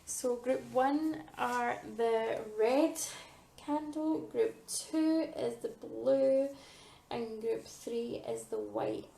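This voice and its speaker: Psychic woman doing a tarot reading, slow and mellow, husky from losing her voice, hesitant, in a roomy space. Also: fairly high pitch, sing-song. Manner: hesitant, many ums and "I feel like" asides. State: losing her voice, throat trouble. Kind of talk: pick-a-card tarot reading to camera.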